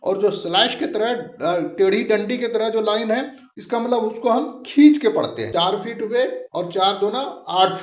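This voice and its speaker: A man teaching English literature in a patient, explanatory lesson, repeating each point and slowing down for key terms. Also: high-pitched. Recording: roomy, dull lo-fi sound.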